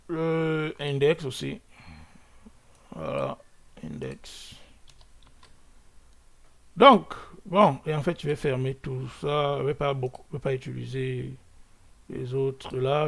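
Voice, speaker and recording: A man's voice: mid-range voice, vocal fry, a bit bright. A man teaching a web coding lesson over his screen, thinking aloud with restarts and filler sounds, often checking in with "ok?". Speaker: coding tutorial host.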